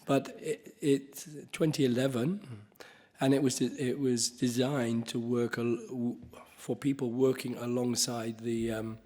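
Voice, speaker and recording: A man chairing a conference panel, talking off the cuff with halting restarts and the odd cough. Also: medium pitch, steady tone, darkish tone. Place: conference hall.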